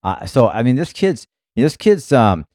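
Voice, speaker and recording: A man's voice: medium pitch, very animated, a little slow, darkish tone, no echo, studio quality. A man co-hosting a podcast, chatting casually about motor racing in a rambling way full of fillers. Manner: rambling, filler-heavy, many "you know"s. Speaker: podcast co-host, former racing team member.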